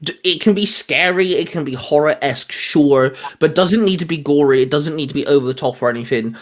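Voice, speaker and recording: The host of a hobby video channel leads a casual geek discussion, speaking informally and emphatically and repeating himself to drive points home. His voice is a little high and fairly quick.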